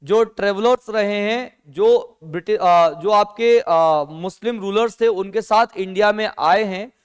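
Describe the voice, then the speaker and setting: High-voiced man teaching a class. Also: measured pace, clear, resonant tone. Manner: asks the class questions and answers them himself; mixes English words into Hindi. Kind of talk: classroom lecture.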